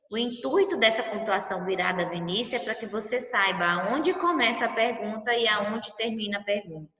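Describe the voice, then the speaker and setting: A woman's voice: mid-range voice, bright, forceful tone. Brazilian woman teacher, patient explainer; a dull, roomy recording with a long reverb tail. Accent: Brazilian Portuguese. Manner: explanatory, checks in with "tá?" and "né?". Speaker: Spanish teacher. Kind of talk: recorded online class lesson. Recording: distant mic, roomy dull sound.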